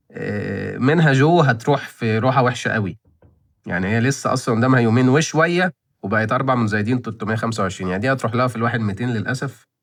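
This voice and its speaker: A man's voice: mid-range voice, fairly bright tone. A man in his twenties with an Egyptian accent, hosting his own channel and chatting casually to viewers. He rambles and thinks aloud, often repeating himself. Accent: Egyptian Arabic. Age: 20s. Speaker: channel host reviewing license plate auctions.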